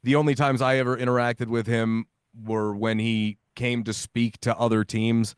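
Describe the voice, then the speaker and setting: An opinionated man talks sports as a podcast guest, leaning hard on his points and climbing in pitch when he pushes. His voice is mid-pitched. It is recorded close and dry. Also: level tone, moderate pace, clear, resonant tone, no echo. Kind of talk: casual sports podcast chat.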